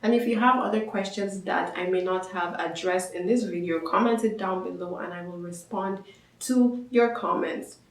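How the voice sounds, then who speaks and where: A young woman from Nigeria talks through practical student advice in a chatty, upbeat vlog. Her voice sits a little low for a woman. It is recorded on a camera mic in an echoey room. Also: moderate pace. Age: young adult. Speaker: vlogger, international student.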